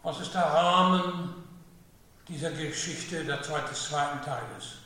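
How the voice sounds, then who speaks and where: A man preaching a sermon in a slow, deliberate way, often repeating his phrases, heard in a large church. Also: fairly high pitch, pushed and bright, far from the mic. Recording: echoey church, voice from afar.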